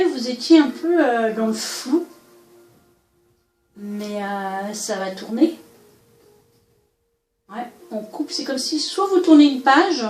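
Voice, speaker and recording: A woman doing a solo oracle card reading, musing aloud and pausing often with hesitations as she interprets each card. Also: a little high, darkish tone, reverberant, poor audio. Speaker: card reader. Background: faint background music.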